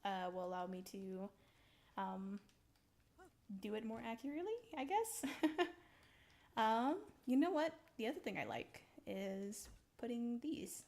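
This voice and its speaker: A young woman casually talking through her building in a video game, rambling slowly with lots of ums and little laughs. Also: mid-range voice, lively intonation, creaky, a little mellow. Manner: slow, rambling, giggly, full of ums. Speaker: streamer building in a survival game. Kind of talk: casual gameplay commentary.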